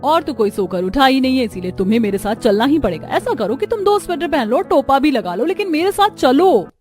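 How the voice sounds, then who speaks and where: A woman's voice: sits high, big pitch swings, brisk, a little mellow, faint music behind, pitched above the performer's own voice. A woman voicing a vain, mocking young city woman in a narrated family story, talking in a showy, scornful way. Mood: pushy. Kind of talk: storybook voice acting.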